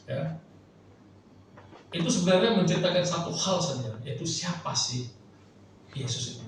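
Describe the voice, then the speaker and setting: Chatty pastor in an echoey hall. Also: male voice, fairly high pitch, animated, moderate pace, background noise. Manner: chatty, jokes and acts out prayers. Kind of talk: casual sermon. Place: church hall. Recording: echoey church hall, mic far off.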